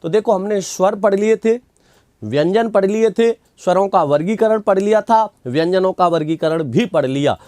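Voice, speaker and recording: Reading viewer comments aloud and responding, a man leads an online grammar lesson where he asks his own questions, answers them, and repeats key terms. The recording is clean studio audio with no room sound, and his slightly mellow, high voice moves at a moderate pace.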